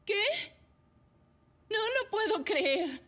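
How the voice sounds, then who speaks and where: Una actriz de doblaje que interpreta a una joven mimada e indignada que llora de rabia. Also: female voice, very animated, very slow, a bit bright, full character voice. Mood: bitter. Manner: shrill, indignant. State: crying. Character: spoiled young woman, furious and tearful. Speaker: daughter. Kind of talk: dubbed drama.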